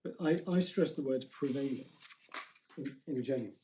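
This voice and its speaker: A man's voice: medium pitch, fast talker, dark tone, a little hiss or hum, low-quality recording. A man, a barrister making a careful legal submission in court, stressing key words and restarting phrases.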